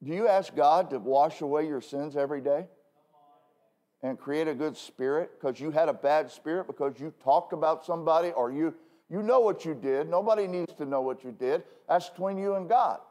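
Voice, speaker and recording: Man, pastor, sermon, church pulpit, fairly high voice, conversational, self-mocking asides. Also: moderate pace, a little mellow. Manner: conversational, self-deprecating asides, frequent "okay?" checks.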